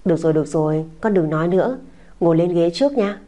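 Woman reading as a young mother, gentle, coaxing, tender, warm, slightly raised pitch. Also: animated, quick pace, close to an everyday voice. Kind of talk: audiobook character voice.

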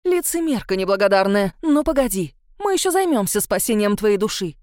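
A woman's voice: sing-song, brisk, a little mellow, no echo, clean studio sound, lightly acted. A woman reading an audiobook voices a spiteful, sanctimonious old countess who hisses and scolds with scorn. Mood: sneering. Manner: hissing, scornful, shrill scolding. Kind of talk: audiobook character voice.

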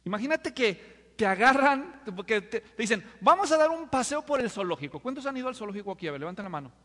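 A man's voice: extremely high pitch, animated, fast, bright, forceful tone. A male pastor, preaching a sermon and firing rhetorical questions at the congregation. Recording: long hall reverb.

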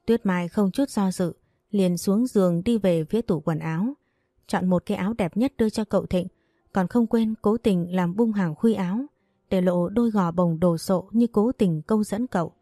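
A woman narrating an audio novel in an even storytelling manner. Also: mid-range voice, normal speed, dry recording, clean studio sound.

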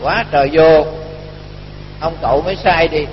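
Speaking a little slowly in a voice on the high side, this male Buddhist monk teacher delivers a folksy dharma talk in colloquial language and performs the dialogue of his stories. Dull lo-fi audio carries a long hall reverb and a faint hum.

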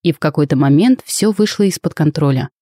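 A woman reading the lines of a shrewd male academy rector who lays things out in a measured, reasoning way. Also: sits low, expressive, mellow, no echo, studio quality. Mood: deducing.

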